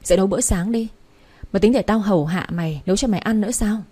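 A berating, shrill older mother-in-law from an audio story, read by a woman. The voice is mellow and dark beneath the scolding, with a slightly husky edge. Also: quick pace, close to an everyday voice.

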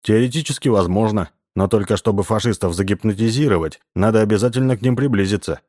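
A man voicing a polite, modest young male hypnotist in a read-aloud story, speaking softly and courteously. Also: lowish voice, quick pace, no room sound, clean studio sound, lightly acted. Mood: gentle. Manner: soft-spoken, courteous.

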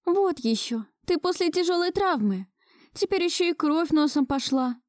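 A fussy young woman who scolds out of care, voiced by a woman reading a storybook. Her voice rides high and urgent, with a mellow tone in a dry room. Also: expressive, moderate pace, no echo. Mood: fretful. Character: caring, fussy young woman, the hero's partner.

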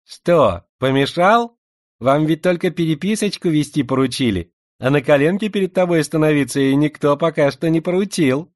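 A man's voice: on the high side, expressive, normal speed, dry recording, clean studio sound, pitched above the performer's own voice, natural voice. A man voicing a lisping older schoolboy who talks in sugary diminutives and needles the others. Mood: needling. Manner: needling, mocking.

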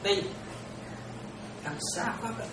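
A woman teaching in a Buddhist talk, chatty, often checking whether listeners follow and laughing now and then. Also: unhurried. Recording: echoey room, distant mic, noisy.

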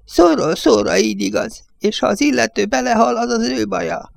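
A man reading an audiobook voices an angry, fearful old village judge who complains in a high, bleating voice. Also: creaky, no room sound. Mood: whispering.

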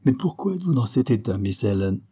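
Man playing a brisk commanding detective. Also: medium pitch, sing-song, dark tone, slightly rough. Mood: calm probing.

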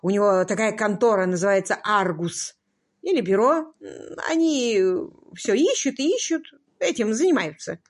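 A woman's voice: medium pitch, animated, normal speed, close to an everyday voice. A woman voicing an absent-minded elderly earl in his sixties who talks in a dreamy, distracted, rambling way in an audiobook.

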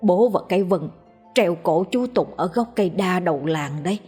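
A woman's voice: lowish voice, animated, normal speed, dark tone, slightly rough, soft background music. A woman voicing an anxious, frightened middle-aged village man who talks in an agitated way. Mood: uneasy. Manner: agitated and fearful.

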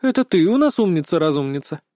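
A man voicing a calm, doting grandmother in an audiobook, soothing and gently lecturing. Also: fairly high pitch, fast talker, no room sound, studio quality. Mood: fond. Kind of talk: audiobook character voice.

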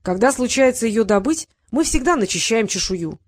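A woman voicing a big fatherly male dragon, gruff but good-natured. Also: a little high, expressive, normal speed.

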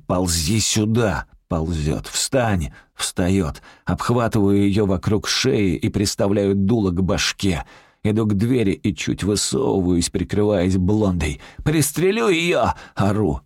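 Low-voiced man narrating a brash story. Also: darkish tone, husky, no room sound, clean studio sound. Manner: brash, crude street talk, rapid storytelling. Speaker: audiobook narrator. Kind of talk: first-person audiobook narration.

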